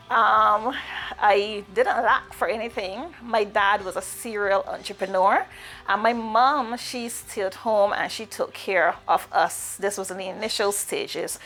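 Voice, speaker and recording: Barbadian woman telling her life story, mid voice, slow and thoughtful, lots of pauses, faint music behind. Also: medium pitch, a bit bright. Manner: reflective, unhurried, with pauses and fillers. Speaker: guest.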